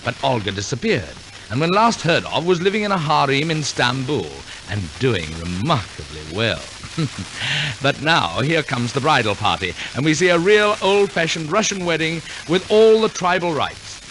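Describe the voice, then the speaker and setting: This 1940s radio operetta narrator has a fairly high voice that's very animated, delivered at a moderate pace. He tells the story theatrically with wry, tongue-in-cheek humor, and the broadcast recording is noisy.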